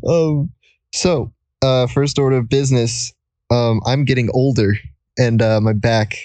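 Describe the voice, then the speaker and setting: A man's voice: mid-range voice, fairly even intonation, measured pace, darkish tone, no room sound. A young man hosting a casual podcast while recording under a blanket, rambling and giggling as he talks. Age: young adult. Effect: muffled, recording under a blanket. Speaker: podcast host.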